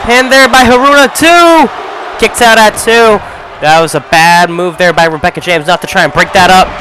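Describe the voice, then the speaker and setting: A man with a high voice calls a wrestling match move by move, often shouting over it. His voice is going hoarse. A loud crowd and game sounds fill the background. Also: steady tone, background noise. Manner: fast play-by-play, often shouting. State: losing his voice. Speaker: play-by-play commentator. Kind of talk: video game wrestling commentary.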